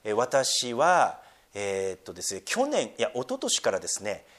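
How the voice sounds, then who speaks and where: A middle-aged man preaching a sermon, dropping to near-whispers and then rising to loud, emphatic lines, reading scripture slowly and deliberately. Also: fairly low pitch, huge pitch swings. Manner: slow, drawn-out scripture reading. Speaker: pastor.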